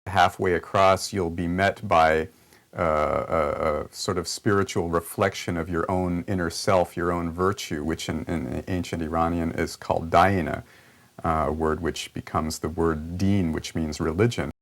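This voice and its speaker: Deep-voiced man explaining as a scholar. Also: steady tone, a little slow. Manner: explanatory, with hesitations. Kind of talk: explaining in an interview.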